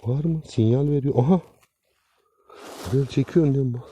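A man hosting an outdoor treasure-hunting vlog, exclaiming and repeating short phrases, often dropping to a hushed voice. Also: medium pitch, normal speed, slight background noise. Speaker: treasure-hunting video host. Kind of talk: excited outdoor vlog commentary. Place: outdoors by a tree in sunlight.

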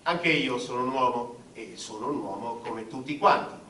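A man's voice: mid-range voice, normal speed, slight background noise, close to an everyday voice. An actor playing a petulant, lustful, pompous king, declaiming in absurdist stage comedy. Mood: haughty complaining. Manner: pompous declamation, swinging into shouts. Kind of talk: absurdist comic stage theatre. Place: theatre stage with audience. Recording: echoey theatre, distant microphone.

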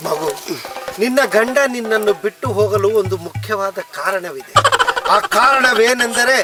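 Man with a North Karnataka Kannada accent, very high voice, solemn comic godman, music under the dialogue. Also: animated, normal speed. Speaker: fake godman in a comedy skit. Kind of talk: scripted comedy sketch acting. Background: background music.

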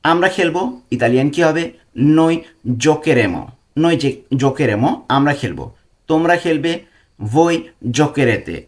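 A man from Bangladesh teaching a language lesson, explaining slowly and spelling out foreign phrases word by word. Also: a little high.

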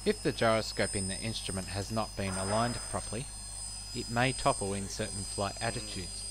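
Low-voiced man narrating a flight lesson. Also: steady tone, noisy background. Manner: measured, explanatory. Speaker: flight instructor. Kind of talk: scripted instructional narration.

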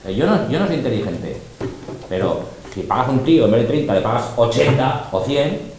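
A man's voice: medium pitch, very animated, a little fast, a little mellow. A middle-aged man, a DJ and teacher, talking in a casual, emphatic and boastful way to a group of students, often acting out quotes. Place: large school room with students. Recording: very echoey room, faint noise.

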